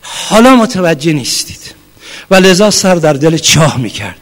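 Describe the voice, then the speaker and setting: A man with a high voice preaches a fervent sermon. He drops to near-whispers, then builds to loud shouts. His voice rings out with a long reverb, as if in a large hall. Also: big pitch swings. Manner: swings from hushed to loud shouting. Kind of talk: impassioned sermon.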